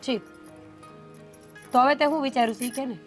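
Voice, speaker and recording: A woman's voice: high-pitched, fairly even intonation, brisk, faint music behind, close to an everyday voice. A woman playing a reproachful elder sister who scolds her stubborn younger sibling. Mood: scolding. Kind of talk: family drama acting.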